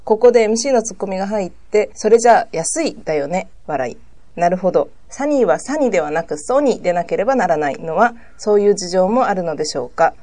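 A woman co-host reading a listener's letter aloud in a calm, even way. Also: medium pitch, fast talker.

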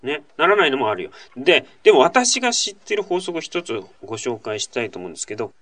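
A man's voice: mid-range voice, very animated, fast talker, fairly bright tone. A male host in casual radio-style talk, reading out a listener's letter and then explaining at length in a chatty way, full of asides and tag questions.

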